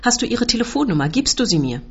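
A woman's voice: a little high, big pitch swings, fast talker, darkish tone, breathy edge, voice pushed up, full character voice. Woman reading as a bellowing Polish uncle, ranting. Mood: demanding. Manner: ranting, bellowing, self-pitying. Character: loud desperate middle-aged Polish uncle, man. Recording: dull lo-fi recording.

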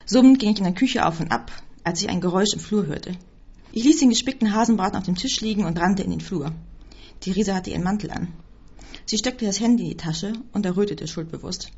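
A woman reading a first-person story aloud as scripted narration, with a husky voice. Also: mid-range voice, brisk, darkish tone. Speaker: audiobook reader. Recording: dull lo-fi recording.

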